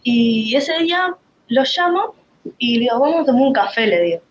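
A woman's voice: fairly high pitch, animated, moderate pace, lo-fi sound. A woman with a Rioplatense Spanish accent giving an emotional, rambling personal faith testimony, full of restarts.

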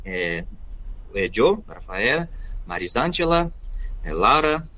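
A man from Brazil with a Brazilian Portuguese accent, a non-native speaker answering interview questions haltingly and searching for words. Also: medium pitch, big pitch swings, pushed and bright, poor audio. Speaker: interview guest, volunteer youth radio host.

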